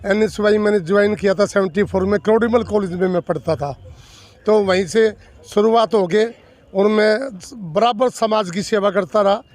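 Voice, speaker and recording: An Indian election candidate in his 60s, from North Delhi's villages, responds to an interviewer in an earnest, emphatic way, going over his points in lists and repetitions. His voice sits high and moves at a normal speed.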